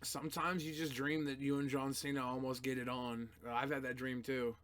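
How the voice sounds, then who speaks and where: This young streamer responds to chat questions in a casual, foul-mouthed manner, alternating between mumbling and shouting. His medium pitch stays level, and his pace is moderate.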